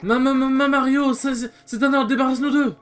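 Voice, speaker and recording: A man voicing a pompous, cowardly nobleman captain in a video game, stammering and shrill when he is scared. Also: fairly even intonation, fairly quick, a bit bright, soft background music. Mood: panicked.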